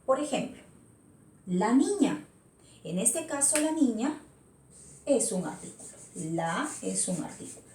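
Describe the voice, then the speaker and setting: A woman's voice: a little high, big pitch swings, a little slow, pauses often, a little mellow. A woman teacher, patiently explaining a lesson and often checking in with her students. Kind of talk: virtual class lesson. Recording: echoey room with faint noise.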